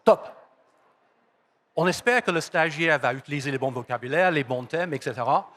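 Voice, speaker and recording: A man with an English accent and a somewhat raised pitch gives a lively conference talk. He is from London, and the language is not his first. He drives home key phrases by repeating them. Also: moderate pace. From London, England. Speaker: conference speaker. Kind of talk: conference presentation. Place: conference hall.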